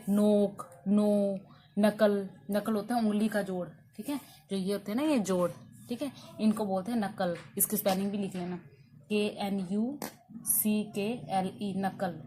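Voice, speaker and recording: A woman's voice: mid-range voice, darkish tone, slight background noise. A woman English teacher giving a spoken English lesson in Hindi, explaining silent letters and quizzing her students with repeated questions.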